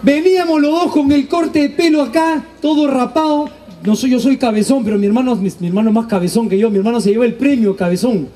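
A man's voice: very high voice, fast talker, dark tone. A man doing a stand-up comedy monologue, telling stories animatedly and acting out his family's voices. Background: audience laughter.

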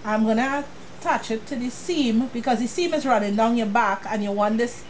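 With a cold and some sniffling, a fairly high-voiced woman talks directly to viewers in a chatty, easygoing sewing tutorial, step by step. She speaks at normal speed, and the poor audio carries a faint hum of room noise.

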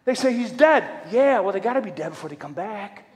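A middle-aged man preaches a testimony sermon in a high, ringing voice, often shouting and joking with the crowd. His words trail off in the long reverb of a big church hall. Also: expressive, fast talker. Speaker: preacher and fire department chaplain.

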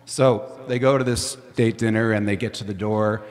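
A singer-songwriter, a man, chatting between songs at a live open stage, telling a long low-key anecdote in a rambling way. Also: steady tone, moderate pace. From Canada. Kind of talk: casual storytelling between songs. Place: live music venue stage, indoors. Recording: live room with long reverb and guitar.

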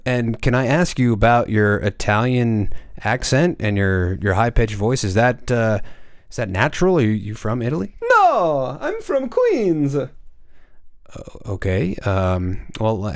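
A man hosting a podcast, interviewing with deadpan mock seriousness and lots of hesitant fillers. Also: fairly low pitch, normal speed, no room sound, clean studio sound. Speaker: podcast host. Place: studio.

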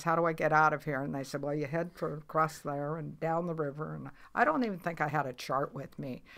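Her voice sits low with vocal fry. An eighty-something woman with a long career in commercial fishing rambles through her story in a casual interview, matter-of-fact and often beginning again.

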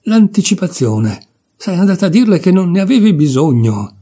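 A man's voice: sits high, very animated, moderate pace, dark tone, husky, pitched above the performer's own voice, exaggerated voice. A man reading aloud voices a tired, anxious older mother who pleads with her daughters. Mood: insistent.

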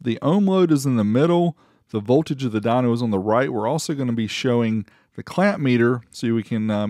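A middle-aged American man, host of a car audio amplifier review channel, voices a casual product review with playful, showy emphasis. His medium-pitched voice has a darkish tone, recorded without echo while background music plays faintly.

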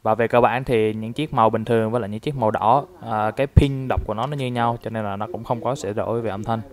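A man's voice: lowish voice, fairly even intonation, fast talker. Chatty man reviewing a toy. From Vietnam. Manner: chatty, explains step by step with many fillers. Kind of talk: casual product review.

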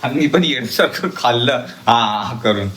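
A man's voice: mid-range voice, moderate pace, fairly bright tone, a little hiss or hum. A man in his thirties filming a casual family vlog at home, animatedly coaxing and teasing his little daughter. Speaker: family vlogger, father.

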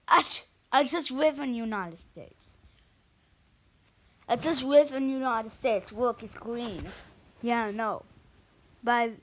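A woman casually commentating a marble race video in a rambling, chatty way, with sudden excited shouts. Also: on the high side. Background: background music.

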